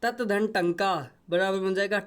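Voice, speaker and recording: A man's voice: high-pitched, a little slow, fairly bright tone, smooth. A man teaching a grammar lesson, going over each rule step by step and repeating the examples. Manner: repetitive step-by-step explaining.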